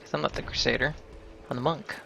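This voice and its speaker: Gravelly man commenting on gameplay. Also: mid-range voice, fast talker, very noisy. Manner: joking, chatty, talks to viewers. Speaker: let's play host. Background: game music.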